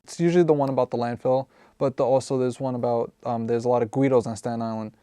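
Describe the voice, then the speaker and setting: A man's voice: medium pitch, fairly even intonation, fast talker, warm tone, clean tone, dry recording. A man in his early twenties answering interview questions casually and rambling as he searches for words. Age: 20s.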